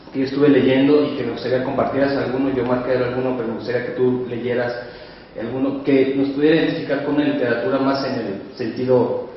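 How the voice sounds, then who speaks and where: Man moderating a talk, mid-pitched, meandering questions, heard from a distance in a reverberant room with faint hiss. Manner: hesitant, rambling phrasing. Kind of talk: casual questions to a guest. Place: reading hall with audience. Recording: distant echoey hall, muffled, faint hiss.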